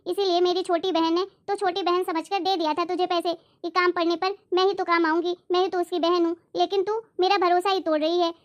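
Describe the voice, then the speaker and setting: A woman playing a fed-up elder sister, very high voice. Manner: scolding, insistent, lecturing. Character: fed-up elder sister demanding her money back. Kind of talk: acted family drama skit.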